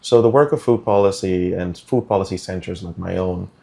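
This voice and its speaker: A deep-voiced man with a gravelly edge talks as a studio interview guest. He is middle-aged and from Guyana. He explains things slowly and deliberately, with frequent ums and uhs. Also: darkish tone. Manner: measured, deliberate, many um fillers. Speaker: interview guest, food policy director.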